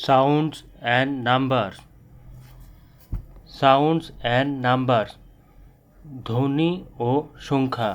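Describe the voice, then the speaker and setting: A man, a Bengali speaker, leads an English lesson at a very slow, drilled pace. He says each word, spells it letter by letter, and repeats it for learners. His voice sits at an ordinary middle pitch. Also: smooth, highs cut off. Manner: spells words out letter by letter and repeats them slowly. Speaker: English teacher.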